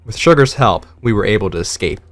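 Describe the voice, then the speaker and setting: A man narrating a game story aloud in an expressive, dramatic way. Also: fairly low pitch, fast talker, a little hiss or hum. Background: faint music.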